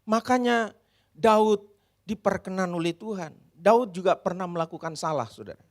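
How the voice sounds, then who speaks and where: A male pastor from Indonesia preaching a sermon in an animated, dramatic way, repeatedly addressing the congregation. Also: high voice, normal speed.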